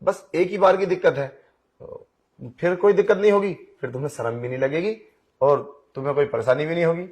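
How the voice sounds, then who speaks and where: A man's voice: on the high side, fairly quick, darkish tone, natural voice. A man voicing a pushy blind young man in an audio drama, coaxing and insistent in his talk. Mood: wheedling. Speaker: voice actor. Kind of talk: Hindi audio drama acting.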